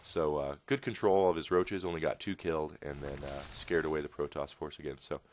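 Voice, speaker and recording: Low-voiced joking game caster man. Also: fairly even intonation, fairly quick, darkish tone, a little hiss or hum. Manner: jokey, rambling asides. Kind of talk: casual video game commentary.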